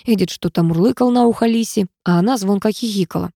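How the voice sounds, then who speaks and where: A woman narrating an audiobook in lively first-person storytelling. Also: mid-range voice, fast, dry recording, clean studio sound.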